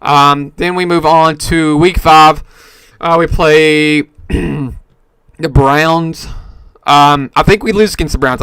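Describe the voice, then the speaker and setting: Guy rambling through his podcast, lots of ums and restarts, kinda high smooth voice. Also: a bit bright, dry recording. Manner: rambling, lots of fillers and self-corrections. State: hiccups. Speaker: podcast host. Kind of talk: casual solo sports talk.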